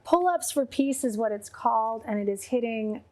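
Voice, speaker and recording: Enthusiastic woman podcast host, bright-toned, talking in a studio. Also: on the high side, lively intonation, normal speed. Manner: upbeat, enthusiastic, chatty.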